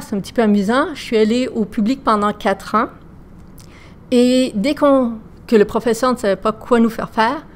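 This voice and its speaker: A woman's voice: medium pitch, darkish tone. A woman teacher with a Québécois accent, telling self-deprecating, humorous anecdotes in a casual podcast.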